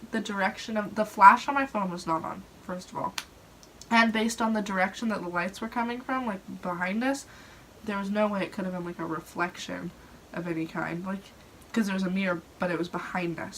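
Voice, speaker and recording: A woman's voice: medium pitch, fairly even intonation, a little fast, a bit bright. Chatty young woman, noisy phone recording. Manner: chatty, rambling, heavy use of "like". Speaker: storyteller host. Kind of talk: casual storytelling about personal experiences. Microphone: phone propped on a dresser. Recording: clear background noise.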